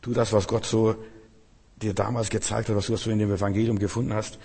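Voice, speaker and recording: A man's voice: lowish voice, level tone, a little fast, mellow, husky. A male preacher giving a sermon, firing off repeated rhetorical questions and speaking straight to his listeners in a church hall. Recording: long hall reverb.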